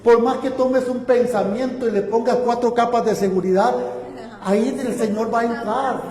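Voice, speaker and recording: A man preaching a fervent sermon as pastor, building to loud exclamations. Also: extremely high pitch, fairly even intonation, moderate pace. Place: church sanctuary. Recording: echoey church hall.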